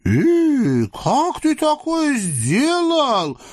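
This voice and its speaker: A man's voice: huge pitch swings, husky, no room sound, studio quality, full character voice. A man voicing a greedy, childish sultan who talks in wheedling exclamations. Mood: indignant, delighted. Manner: shrill wheedling exclamations with drawn-out "eh". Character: greedy, childish male sultan, gleeful and fickle.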